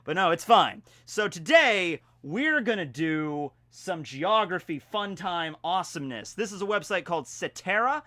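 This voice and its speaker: Animated, high-pitched man vlogging theatrically. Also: dry recording, studio quality. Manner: theatrical emphasis, drawn-out words, self-mocking. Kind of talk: casual vlog talk with playful mock-grandiose announcing. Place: indoors at home.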